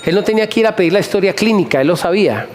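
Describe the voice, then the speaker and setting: A man preaching a sermon to a congregation, animated, repeating phrases and firing questions at the listeners. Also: high-pitched, rapid-fire. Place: church hall before a congregation.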